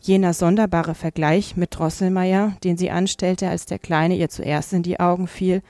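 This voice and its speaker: A woman's voice: on the low side, fairly even intonation, moderate pace, warm tone, no room sound, clean studio sound. Woman reading a fairy tale aloud. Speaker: audiobook narrator. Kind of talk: scripted storybook narration.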